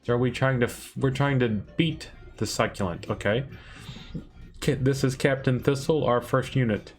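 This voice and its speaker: A man's voice: mid-range voice, moderate pace. A man casually commenting while playing a video game, thinking aloud as he goes. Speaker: gameplay video host. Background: game music.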